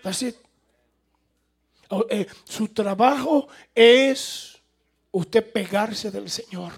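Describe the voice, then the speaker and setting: A man preaching a sermon as a pastor, with emphatic, animated delivery and acted-out quotes to his congregation. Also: high voice, extremely slow, gravelly, slightly rough. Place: church sanctuary.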